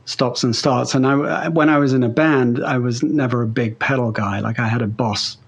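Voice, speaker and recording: A man from England speaks at medium pitch and moderate pace with fairly even intonation, his voice creaky and slightly rough. His neutral accent blends British and Australian sounds. He's a guest pedal builder rambling casually in an interview, with many fillers and restarts.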